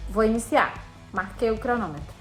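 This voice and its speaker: A woman's voice: fairly high pitch, normal speed, soft background music. A woman, a mother talking to her viewers in a chatty, playful family vlog.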